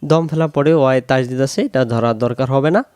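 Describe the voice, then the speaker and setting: A man teaching Quran recitation, slowly repeating syllables to drill pronunciation. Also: mid-range voice, darkish tone, smooth, dry recording, clean studio sound. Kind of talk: recitation lesson.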